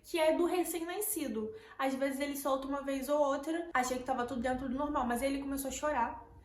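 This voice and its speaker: A young Brazilian woman tells her viewers about a hard night, emotional and quick to repeat herself. Her voice sits a little high. The room around her rings with echo. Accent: Brazilian Portuguese. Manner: breathless, emotional retelling with repeated words. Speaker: vlogger. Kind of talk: casual storytelling to camera. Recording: echoey room, faint background noise.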